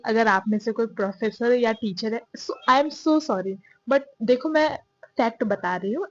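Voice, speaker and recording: A woman's voice: fairly high pitch, a little mellow, no echo. A young woman narrating a story in a chatty, self-mocking, confiding way, as if talking to her viewers. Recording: dull, dry sound.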